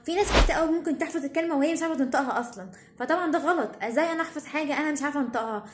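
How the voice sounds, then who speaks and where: Fast-talking Egyptian teen girl. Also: sits high, echoey room, slight background noise. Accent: Egyptian Arabic. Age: teens. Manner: chatty, emphatic, repeats words for stress, checks in with listeners. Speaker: student vlogger giving study tips. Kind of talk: casual advice talk to camera.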